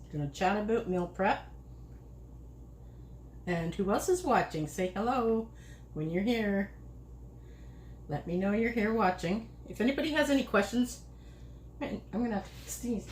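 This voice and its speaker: A woman chats her way through a home cooking livestream, rambling loosely and laughing between steps. Her voice sits at a middling pitch and carries the echo of a hard-surfaced kitchen. A faint hum of noise runs underneath. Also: animated, normal speed, long pauses. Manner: chatty, rambling, laughs often. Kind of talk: casual cooking livestream chat.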